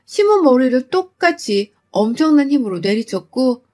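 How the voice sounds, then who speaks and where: A woman's voice: sits high, big pitch swings, moderate pace, dark tone. A woman narrating a first-person story of her marriage in a plaintive, confessional manner.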